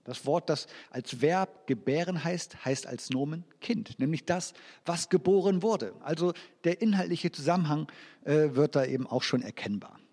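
A male pastor giving a sermon, explaining things step by step, reading scripture slowly, and restarting his phrases as he goes. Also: on the high side, expressive, darkish tone, big-room sound.

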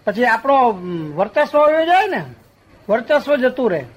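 A man's voice: extremely high pitch, sing-song, normal speed, muffled recording. A man in casual chat giving short agreeing replies and finishing the speaker's sentences. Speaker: listener.

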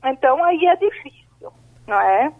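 Female psychologist guest, phoned in on a breaking-up cell line, measured explainer. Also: high voice, lively intonation. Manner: measured, explanatory, frequent tag questions. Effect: breaking-up mobile phone line. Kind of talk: radio phone-in interview answer. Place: outdoors in a country town, seeking signal. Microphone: mobile phone.

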